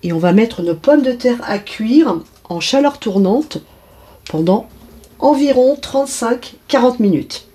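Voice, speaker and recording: Chatty woman hosting a cooking video, mellow tone. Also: a little high, expressive, unhurried. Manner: chatty, addresses viewers directly. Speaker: cooking channel host. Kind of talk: casual recipe narration.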